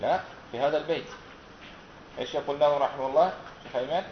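A man's voice: fairly high pitch, racing, slight background noise. A man teaching a class on Quran recitation, asking his students questions and repeating their answers back patiently. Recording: roomy, dull lo-fi classroom recording.

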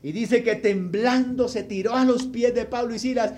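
A male pastor preaching a sermon, telling a Bible story with animated delivery and asking the congregation questions. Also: very high voice, normal speed. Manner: acts out the people in the story.

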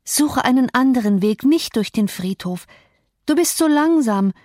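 A woman's voice: sits high, lively intonation, unhurried, a little mellow, dry recording, clean studio sound, voice pushed up. A woman voicing a feverish, delirious young woman who speaks in a raised, exalted, pleading way.

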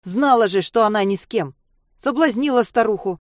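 A woman voicing a spiteful old male watchman who shouts accusations. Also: on the low side, a little fast, no echo, studio quality, lightly acted. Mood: furious.

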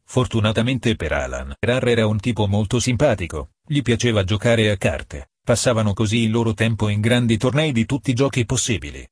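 A man reading a novel aloud as an audiobook in a steady, matter-of-fact way. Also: on the low side, a little fast, few pauses, breathy edge, dry recording. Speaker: audiobook narrator. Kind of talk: scripted audiobook narration.

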